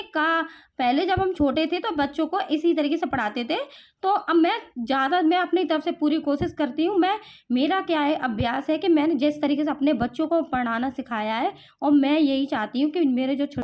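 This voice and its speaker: A woman from India teaching letter sounds and vowel marks to a child, slowly drilling with repeated questions. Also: high voice. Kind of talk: home phonics lesson for parents.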